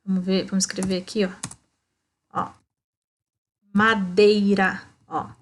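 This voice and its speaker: A woman's voice: mid-range voice, monotone, darkish tone, slight background noise. A Brazilian woman teaching a primary school lesson, explaining step by step and checking in with "tá?". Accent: Brazilian Portuguese. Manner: slow, explaining, frequent "ó" and "tá?".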